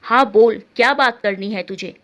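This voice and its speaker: A woman voicing a fierce young woman who shouts back in defiance. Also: mid-range voice, normal speed, lo-fi sound, natural voice. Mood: defiant.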